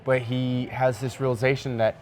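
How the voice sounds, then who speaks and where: A man's voice: medium pitch, level tone, normal speed, a little mellow. A man hosting a podcast, talking in a casual, enthusiastic, slangy way. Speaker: podcast host.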